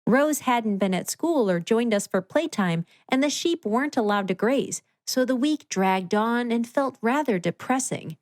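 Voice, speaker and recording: A woman narrating a scripted children's story in an expressive read-aloud manner. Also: on the high side, a little slow, hardly any pauses, no room sound, studio quality.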